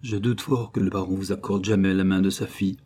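Man playing young noblewoman, teasing and refined, husky low-pitched read. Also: steady tone, a little fast, darkish tone.

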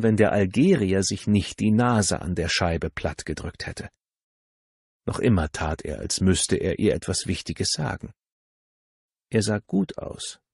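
A man reading a novel aloud as an audiobook narrator, in a calm, measured way. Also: sits low, vocal fry, slightly rough, dry recording, studio quality. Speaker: audiobook reader.

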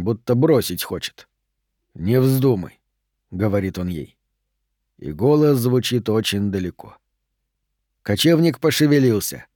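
Dark-voiced male audiobook narrator. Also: mid-range voice, no room sound, studio quality. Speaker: audiobook reader.

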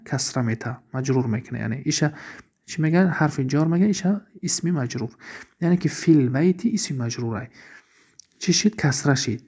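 A man teaching an Arabic grammar lesson, reading example sentences slowly and then asking and answering his own questions. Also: medium pitch, darkish tone, husky.

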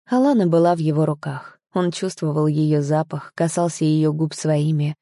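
A woman reads a novel aloud in the first person with a steady, even delivery. Her voice is low and dark, and the recording is dry and close. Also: moderate pace, no room sound. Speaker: audiobook narrator. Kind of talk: scripted first-person narration.

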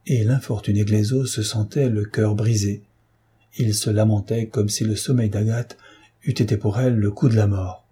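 A man reading a historical novel aloud in a measured, even storytelling manner. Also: on the low side, breathy edge. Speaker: audiobook reader.

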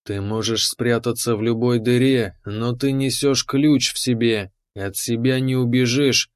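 A man's voice: medium pitch, fairly even intonation, measured pace, clear, resonant tone, close to an everyday voice. A man voicing a cold, mocking villainess.

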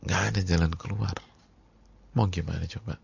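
Deep gravelly preacher, hushed to loud. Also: male voice, fairly even intonation, normal speed. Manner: vivid storytelling with dramatic swings from whispers to loud outbursts. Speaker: Islamic preacher. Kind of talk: sermon. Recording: dull lo-fi lecture recording.

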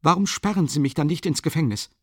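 An actor voicing a tense, irritable young man who is cornered and pushes back with rapid, agitated questions. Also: fairly high pitch, no echo, clean studio sound, pitched above the performer's own voice, lightly acted. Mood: irritated, agitated.

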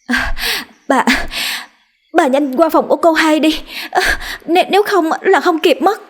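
A woman's voice: sits high, unhurried, pitched above the performer's own voice. A woman voicing a frightened young servant girl who stammers urgently. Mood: panicked.

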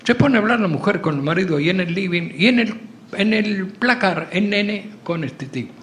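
A man with an Argentine accent telling crude jokes in an animated storytelling way, acting out the characters. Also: high-pitched, normal speed. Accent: Argentine Spanish. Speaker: joke teller.

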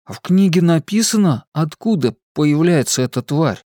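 A quiet boy in an audiobook whose jokes come out dry and deadpan. He stays near the narrator's natural voice, voiced by the reader. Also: mid-range voice, moderate pace, dry recording, voice pushed up, close to an everyday voice.

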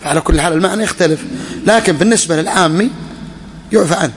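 A man's voice: sits high, rapid-fire, noisy background. A man teaching a class on a legal text, questioning his students and repeating key phrases. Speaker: religious teacher. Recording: echoey hall.

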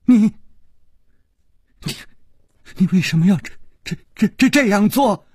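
A man's voice: high-pitched, sing-song, very slow, husky, no room sound, studio quality, voice pushed up, exaggerated voice. A man voicing a frightened, dying woman who stammers in a trembling voice. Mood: terrified.

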